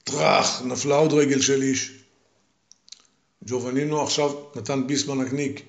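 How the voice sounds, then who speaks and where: An older man, a grandfather, telling a story to his grandchildren slowly and with repetition. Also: medium pitch, fairly even intonation, reverberant. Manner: slow, deliberate, with repetition.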